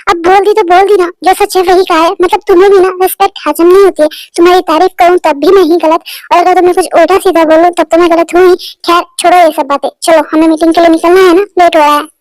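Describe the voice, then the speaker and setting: A woman's voice: very high-pitched, little pitch movement, fast, a little mellow, dry recording, rough recording. A woman voicing a teasing, bossy young man in an amateur fan dub, mocking and bantering. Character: teasing, bossy young male business partner.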